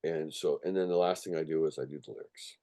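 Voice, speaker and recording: A very deep, mellow male voice, fairly even in intonation, talking fast. The man, a musician, songwriter and record producer, rambles through stories in a casual interview, sweary and emphatic, frequently checking the listener with "you know" and "right".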